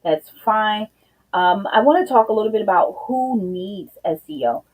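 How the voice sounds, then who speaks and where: A woman's voice: mid-range voice, lively intonation, moderate pace, breathy edge, low-quality recording. A woman hosting a live business show, talking casually and directly to viewers, a little out of breath. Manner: chatty, addresses viewers directly with "you guys". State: slightly out of breath. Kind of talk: casual live-stream talk.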